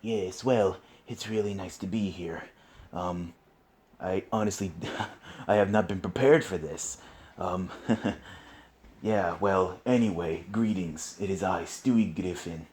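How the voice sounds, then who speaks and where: A man's voice: low-pitched, slow pace, darkish tone. A man voicing a haughty genius baby boy who talks in a formal way.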